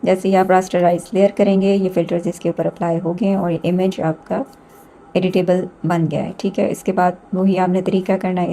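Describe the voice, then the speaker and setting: A woman calmly explaining a screen-recorded design tutorial step by step, with small hesitations. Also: on the low side, a little hiss or hum. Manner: calm step-by-step explaining with fillers. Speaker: textile design instructor.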